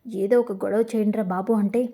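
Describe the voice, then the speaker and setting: Woman reading scheming bossy lady, yells at her guys, harsh. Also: mid-range voice, fairly even intonation, brisk, natural voice. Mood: scolding. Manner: scolding, harsh.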